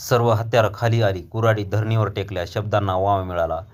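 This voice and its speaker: A man reading a short story aloud, taking the verse passages slowly and sometimes stumbling and correcting himself. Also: on the low side, fairly even intonation. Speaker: story reader.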